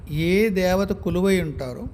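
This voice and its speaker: A man giving a reflective spiritual talk, measured, pausing often and correcting himself, with English words mixed in. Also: high-pitched, darkish tone, slight background noise. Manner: measured, with many pauses and self-corrections; mixes English words into speech.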